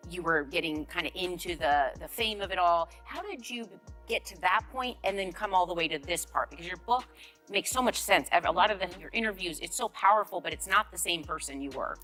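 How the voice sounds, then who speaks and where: A woman's voice: lowish voice, lively intonation, fairly quick, bright, forceful tone, soft background music. A woman interviewing a guest, affirming and asking in a friendly conversational way.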